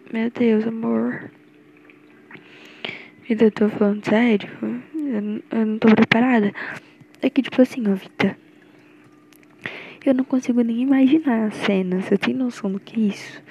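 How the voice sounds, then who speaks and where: Young Brazilian woman, mellow tone, rambling and nervous personal message. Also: fairly high pitch, creaky, husky, highs cut off. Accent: Brazilian Portuguese. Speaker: girlfriend recording a voice message.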